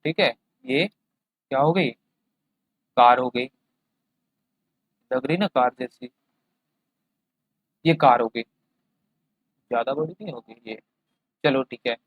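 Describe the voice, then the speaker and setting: A man's voice: a little high, dry recording. Hindi-speaking male teacher explaining patiently. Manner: explains with everyday examples and keeps checking understanding. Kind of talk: classroom chemistry lecture.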